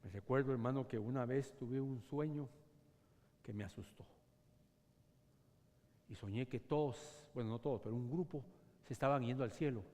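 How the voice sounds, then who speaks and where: A man pastor preaching a sermon, swinging between loud cries and hushed whispers. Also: mid-range voice, moderate pace, long pauses. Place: church sanctuary. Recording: long church hall reverb.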